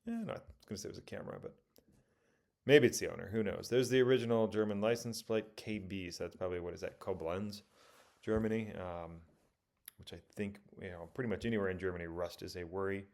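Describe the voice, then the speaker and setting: Casting: male reviewer, deep gravelly voice, loose self-correcting commentary. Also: quick pace, darkish tone. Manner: rambling, self-correcting, many ums. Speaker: car auction reviewer. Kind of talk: casual commentary over photos.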